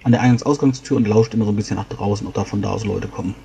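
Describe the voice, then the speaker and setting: A man's voice: lowish voice, fairly even intonation, racing, creaky, mellow. A man playing a tabletop game, casually narrating what his character does. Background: faint music.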